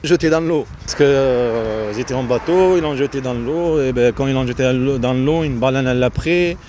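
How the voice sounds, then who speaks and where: With a medium pitch, a slightly dark tone and a moderate pace, a man talks off the top of his head, his phrases broken and repeated as he drifts from thought to thought. The setting is outdoors by a road with vehicles, and traffic noise dominates the recording.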